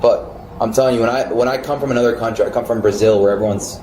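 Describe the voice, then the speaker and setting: A man hosts a podcast with a mellow, darker tone, heard in a roomy, echoey space. He talks in an animated, emphatic way and swears now and then. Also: medium pitch, fast talker, a little hiss or hum. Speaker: podcast host. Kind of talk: casual podcast chat. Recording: roomy echo.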